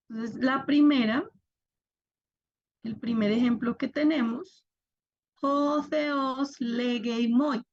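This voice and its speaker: A woman's voice: fairly high pitch, a little mellow, highs cut off. A young woman teaching an online class, patiently explaining step by step and asking her students to react.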